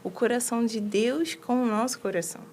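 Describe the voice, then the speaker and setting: A woman talking casually about faith, animated and slangy, acting out little quoted prayers. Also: on the high side, fairly quick, slight background noise. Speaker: guest on a faith livestream.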